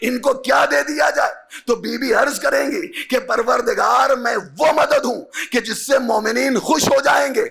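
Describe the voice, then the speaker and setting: A man preaching an impassioned religious sermon, declaiming loudly with sung, chanting cadences and breaking into dramatic quoted dialogue. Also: very high-pitched, gravelly.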